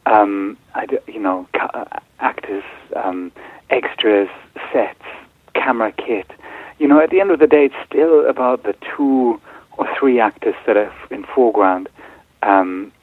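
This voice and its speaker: A man's voice: fairly low pitch, animated, a little slow, dry recording. A man who grew up in Germany, a film director answering interview questions with many ums and restarts. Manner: hesitant, many fillers and restarts. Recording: tinny phone-like line.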